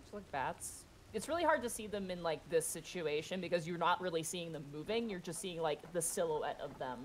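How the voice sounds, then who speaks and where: Woman dm describing the scene off the cuff, lowish voice, bit of background noise. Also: animated, brisk. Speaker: game master. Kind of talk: narrating a tabletop role-playing game. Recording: background noise, room ambience.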